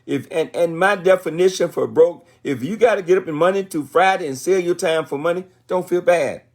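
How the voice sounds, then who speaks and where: This brisk, high-pitched voice belongs to an American man in his sixties, a motivational business speaker on a livestream. His talk is colloquial and folksy, with phrases repeated to drive points home.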